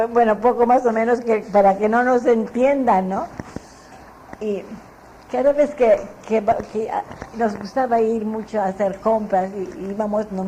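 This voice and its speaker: A woman's voice: on the high side, mellow, a little hiss or hum, low-quality recording. An older woman from the Philippines with a Filipino Spanish accent, being interviewed and telling family memories in a chatty, meandering way with frequent laughs at herself. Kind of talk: relaxed storytelling recollection.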